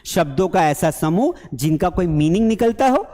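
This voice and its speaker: A man's voice: high voice, expressive, normal speed, warm tone, big-room sound. A man from India teaching a spoken English lesson, chatty, asking questions and answering them himself. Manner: chatty, asks and answers his own questions, mimics students.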